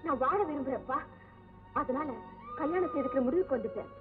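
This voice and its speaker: This is a determined young blind woman, who speaks firmly and insistently. Her voice sits high. It reaches us from a distance, with a long hall-like reverb, on a thin, tinny old film soundtrack. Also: lively intonation, quick pace, over music. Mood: resolute. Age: young adult. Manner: firm, insistent. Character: resolute young blind woman, unmarried daughter.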